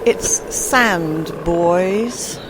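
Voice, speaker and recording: A woman's voice: lowish voice, drawn-out words. A woman playing a dry, unimpressed desert traveller in a comic radio sketch. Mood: deadpan. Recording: loud ambience and vehicle noise.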